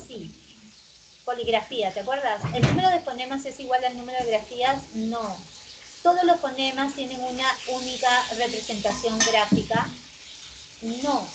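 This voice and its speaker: A woman teaching an exam-review class, reading questions aloud and answering them herself in quick, short replies. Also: a little high. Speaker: pre-university teacher. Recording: noisy recording with background hum.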